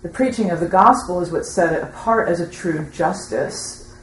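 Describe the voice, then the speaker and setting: At a teaching session's group discussion, a woman in the audience shares her experience in a rambling spoken testimony, halting and tentative. Her pitch is fairly low, and the recording has a roomy echo with faint background noise.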